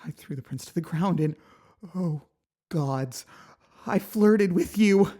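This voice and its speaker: A woman voices a hot-tempered young fighter in a fantasy audiobook, pitching above her own fairly low, mellow voice. Panicked and furious, she speaks slowly with lively intonation, her shaky voice cracking during frantic, dramatic outbursts. Music plays in the background.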